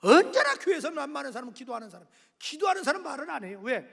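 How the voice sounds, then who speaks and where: A man preaching a sermon as a pastor, animated and acting out dialogue. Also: extremely high pitch, rapid-fire, vocal fry. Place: church. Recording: echoey church hall.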